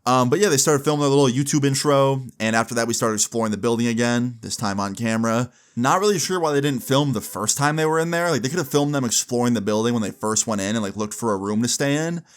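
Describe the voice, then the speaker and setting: A young adult man, a YouTube storyteller, tells a personal story fast, with hardly any pauses, in a clean, medium-pitched voice. His casual telling is informal, slang-heavy and full of swearing, and he acts out bits of dialogue.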